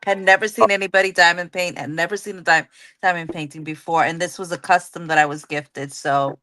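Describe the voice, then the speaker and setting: A woman hosts a casual live stream over a video call. Her voice is bright and forward, and the sound is close and dry. She tells stories with energy and acts out her own quoted lines. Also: on the low side, fairly even intonation, a little fast, dry recording. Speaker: host.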